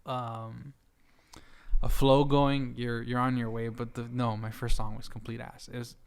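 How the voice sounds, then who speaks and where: A young man about twenty, from Juarez, Mexico, talks as a guest musician in a relaxed interview. His voice is smooth and clear, sitting at an ordinary middle pitch. He rambles, restarts often and laughs easily. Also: measured pace. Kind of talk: casual interview chat.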